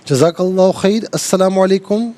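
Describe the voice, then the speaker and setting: A man's voice: high-pitched, dark tone. A man from Pakistan hosting a televised religious lesson, explaining verses and patiently correcting callers' recitation. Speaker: Quran teacher and TV host. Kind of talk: religious lesson with live call-ins. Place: TV studio.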